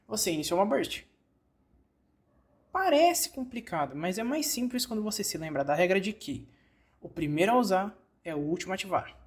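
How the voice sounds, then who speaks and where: In a fan-dub-style scripted game tutorial, a Brazilian Portuguese narrator guides the learner directly. The voice is husky, medium in pitch, and instructive.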